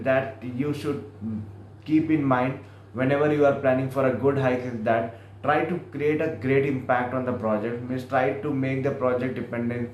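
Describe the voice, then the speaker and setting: A man's voice: medium pitch, darkish tone, roomy sound, a little hiss or hum, low-quality recording. A young man with an Indian English accent giving rambling, repetitive career advice to the camera in a small office room, slipping in Hindi phrases. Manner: rambling, repeats himself, mixes in Hindi phrases. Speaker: career vlogger. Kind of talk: casual career advice monologue.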